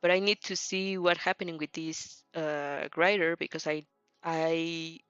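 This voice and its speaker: Speaking a little slowly, this young woman has a low, clean, slightly bright voice with fairly even intonation. English isn't her first language, and as she hosts a rambling stream chat reacting to fan fiction, she's hesitant and giggly and often fixes her own words. No echo is present, though her dull lo-fi mic catches faint music behind her.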